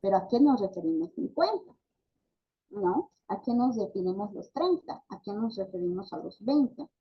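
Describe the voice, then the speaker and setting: A woman's voice: fairly high pitch, dull audio. A woman with a Bolivian Spanish accent giving a speech therapy class, talking conversationally with many fillers and tag questions. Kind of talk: online class lecture.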